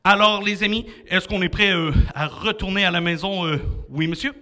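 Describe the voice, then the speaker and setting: A young man with a Québécois French accent, leading an energetic martial arts adventure class for children, coaching and counting down with enthusiasm. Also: high-pitched, moderate pace.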